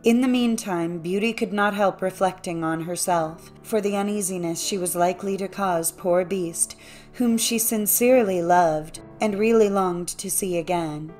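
A woman's voice: lowish voice, moderate pace, darkish tone, soft background music. Woman narrating a fairy-tale audiobook. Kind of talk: scripted storybook narration.

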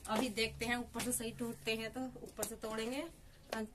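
A young woman in her twenties vlogs from a village courtyard and rooftop, pointing her arm's-length phone at whatever she's showing. She talks casually at a moderate speed in a highish voice that stays fairly level, with clear outdoor noise around her.

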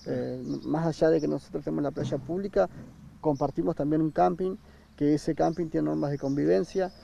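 A man, a campground manager speaking haltingly in an outdoor interview. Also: on the high side, creaky, dark tone. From Argentina. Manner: hesitant, many fillers and restarts. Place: outdoor park by a river. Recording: dull sound, faint outdoor noise.

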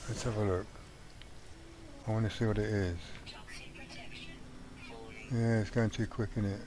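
A man's voice: lowish voice, level tone, measured pace, background noise. A man giving casual let's play commentary on a game he is playing, thinking aloud as he goes with frequent ums. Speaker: gaming channel host.

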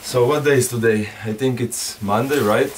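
A man's voice: mid-range voice, normal speed, slight background noise. A young man chatting casually and joking inside a car during a road trip. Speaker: mountain biker on a road trip. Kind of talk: casual chat. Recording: distant mic under loud music.

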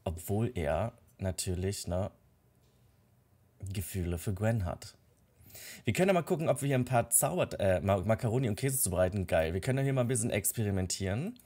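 A man's voice: on the low side, expressive, brisk, warm tone. A young man casually commenting on a life-simulation game, telling the characters' quarrels and thoughts in his own voice with frequent fillers. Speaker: Let's Play host.

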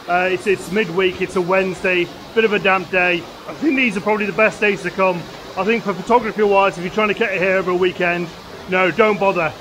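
This forties-aged landscape photographer from the UK narrates a casual vlog in a wooded glen, camera at arm's length, chatty and rambling with many fillers and restarts. His voice is high-pitched, steady, fairly quick, and a bit bright, and the low-quality recording carries slight background noise and music underneath.

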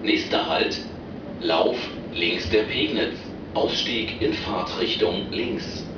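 Man, low voice, formal train announcer over the intercom, scripted short phrases, echoey distant speaker. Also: slow, highs cut off. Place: inside a commuter train carriage. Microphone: recorder far from the train's loudspeaker. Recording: echoey, noisy train cabin, distant loudspeaker. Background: loud train noise.

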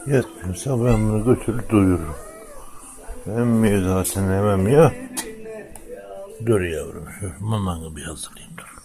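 A man's voice: low voice, measured pace, pauses often, dark tone. A man filming his mother cat and her kitten at home, talking to them in a coaxing, tender way and narrating what the cat does. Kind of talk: casual home video narration.

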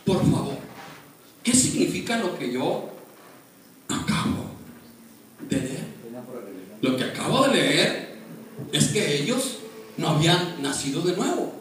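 A man's voice: high voice, sing-song, takes it slowly, pauses often, a little hiss or hum. A man preaching a sermon, speaking passionately and directly to his congregation. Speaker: pastor. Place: church. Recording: echoey church hall, far from mic.

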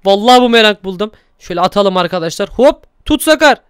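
A young man hosting Minecraft gameplay commentary, excitable and exclaiming often as he talks to viewers. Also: high-pitched, fast, slight background noise. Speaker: gaming YouTuber host.

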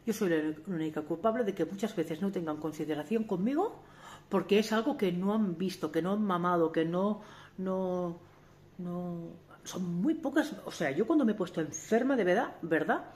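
A woman in her forties talks straight to camera in a family vlog. Her voice sits a little low. She is candid and emphatic, breaks off to restart, and keeps asking her viewers rhetorical questions. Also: expressive, normal speed, darkish tone. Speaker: family vlogger. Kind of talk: talking to camera.

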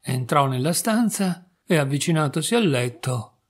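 A man calmly reading a fairy tale aloud in a measured storytelling manner. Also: on the high side, husky. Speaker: narrator. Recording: soft background music.

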